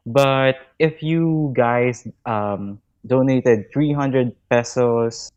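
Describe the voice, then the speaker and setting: This guest talks slowly and carefully. The tone is polite and steady, like someone making an announcement in a relaxed chat. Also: mid-range voice, smooth. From Philippines. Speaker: guest, fan club representative. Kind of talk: casual podcast chat.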